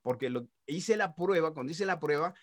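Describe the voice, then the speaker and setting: A middle-aged man, a voice actor telling stories in an interview, animated and full of sound-effect interjections. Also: on the high side, normal speed, dry recording, studio quality. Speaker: voice actor guest. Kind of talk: casual interview storytelling.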